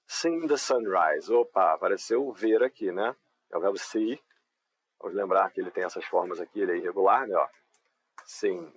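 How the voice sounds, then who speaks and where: Husky low-voiced Brazilian teacher. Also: male voice, rough recording. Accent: Brazilian Portuguese. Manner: patient, explanatory, frequent tag questions. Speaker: English teacher. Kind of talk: live online class explanation.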